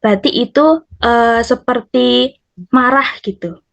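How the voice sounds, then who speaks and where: A woman's voice: fairly high pitch, a little slow, creaky, no room sound. A female student answering in an online class, speaking politely and hesitantly with fillers. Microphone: video call.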